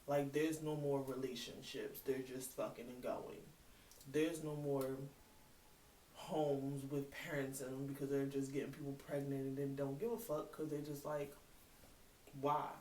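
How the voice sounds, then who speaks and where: A woman's voice: a bass voice, flat delivery, a little slow, dark tone. Blunt, swearing woman in her thirties. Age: 30s. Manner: blunt, heated, swears freely. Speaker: vlogger. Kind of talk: casual monologue. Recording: echoey room, mic at a distance, faint hiss.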